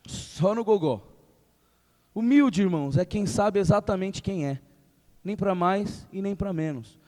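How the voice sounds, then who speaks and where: A male pastor, preaching a lively sermon that acts out everyday speech and builds to emphatic questions. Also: high voice, unhurried. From Brazil. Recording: long hall reverb.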